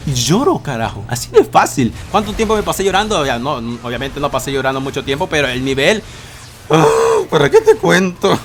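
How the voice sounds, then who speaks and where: A man in his 20s, a youtuber, takes viewer questions in a relaxed bedroom vlog, his voice on the high side with a little hiss or hum in the audio. He curses frequently and has dramatic outbursts.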